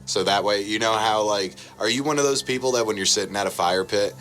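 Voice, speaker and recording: A man co-hosting a casual chat show, rambling through explanations with relaxed swearing. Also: on the low side, brisk, faint music behind. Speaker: podcast co-host.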